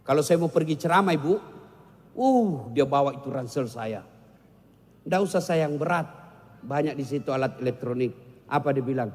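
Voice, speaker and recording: Speaking at a normal speed with a mid-range, expressive voice, this man pauses often as he preaches a comic sermon in a large hall. He banters with the crowd, cracks jokes, and sings snatches of tunes.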